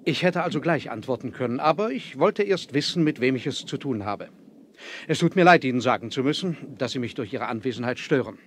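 An actor playing a proud, defiant submarine captain in a 1970s adventure radio play, speaking in a measured, formal, commanding way. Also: male voice, mid-range voice, lively intonation, natural voice. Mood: coolly formal. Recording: noisy 1970s vinyl audio drama.

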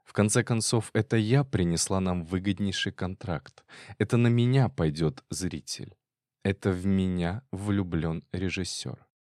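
A man with a low voice reading the lines of a cool, defiant actress wife in an audiobook, in a calm, cold tone. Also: a little slow, dry recording, clean studio sound. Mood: proud. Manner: cold, calm, then sharp.

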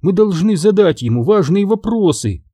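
Storybook granny: man playing a resolute, kindly old woman, mellow and dry. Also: high-pitched, animated, moderate pace, slightly rough, no room sound, voice pushed up. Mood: earnest. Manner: earnest, pleading.

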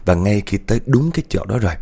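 Husky man telling a ghost story. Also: lowish voice, lively intonation, fast talker, dark tone. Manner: chatty, addresses listeners directly, acts out scares. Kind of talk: spoken ghost story narration.

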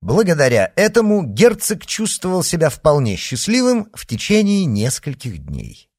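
Expressive male audiobook narrator. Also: a little high, normal speed, dry recording, clean studio sound. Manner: expressive, lively reading with acted dialogue. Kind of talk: scripted narration of a classic novel.

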